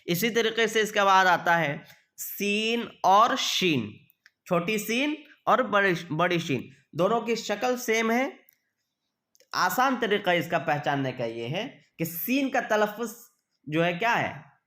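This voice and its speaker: High-voiced man teaching letters patiently. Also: expressive, sharp tone. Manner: repetitive, asks questions then answers them. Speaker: Quran reading teacher. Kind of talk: patient spoken lesson.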